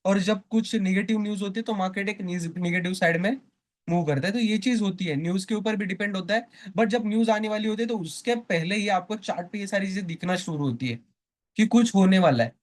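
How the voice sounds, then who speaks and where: This high-pitched man talks a little fast while running a live online class on stock trading. Questions to the class come often, he answers them on his own, and he regularly checks in to confirm they understand.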